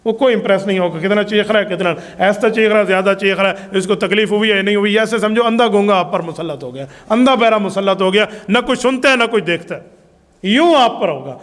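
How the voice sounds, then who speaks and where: A man's voice: sits high, a bit bright, in a large hall. A man preaching a religious sermon with a Pakistani Urdu accent, reciting Arabic passages and then explaining them with rising emphasis. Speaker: Islamic preacher.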